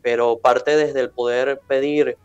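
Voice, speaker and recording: A man speaks in a measured, formal way as an interview guest, often pausing on fillers. The sound is close and dry. A faint music bed sits behind him. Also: mid-range voice, little pitch movement, darkish tone, clean tone, no echo, highs cut off. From Venezuela. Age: 20s.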